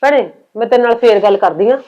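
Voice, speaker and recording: A woman's voice: a little high, fast, muffled recording, lightly acted. An actress playing a domineering middle-aged mother-in-law who scolds her daughter-in-law in a family drama. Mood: gloating. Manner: scolding, sharp, bossy. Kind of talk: short film drama.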